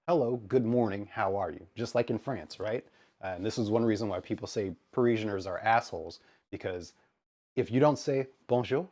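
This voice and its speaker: An American man streamer telling a story to his chat in an animated, exasperated way, acting out both sides of the exchange. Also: on the low side. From United States. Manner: animated, exasperated retelling with quoted dialogue.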